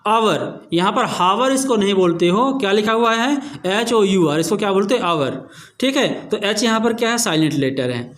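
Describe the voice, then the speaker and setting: Guy teacher w/ a high voice going over exam revision, spells stuff out, asks then answers himself. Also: expressive, normal speed, few pauses. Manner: explains step by step, spells words letter by letter, asks and answers his own questions.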